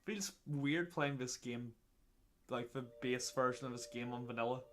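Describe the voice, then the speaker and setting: A man's voice: medium pitch, normal speed, a bit bright, soft background music. A man giving casual let's-play commentary, chatty and self-mocking. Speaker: gaming channel host.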